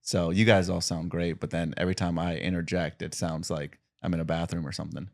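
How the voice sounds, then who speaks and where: A man co-hosting a casual podcast chat, relaxed and joking, laughing often. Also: low-pitched, brisk, gravelly. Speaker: podcast co-host and producer.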